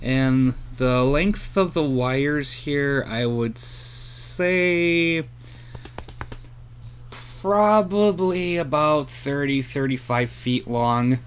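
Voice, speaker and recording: A hobbyist vlogger with a medium-pitched voice talks very slowly as he casually shows off his radio antenna setup, rambling and hesitating with lots of fillers. He's filmed on a handheld camera outdoors and then at a computer, and there's a little hiss or hum.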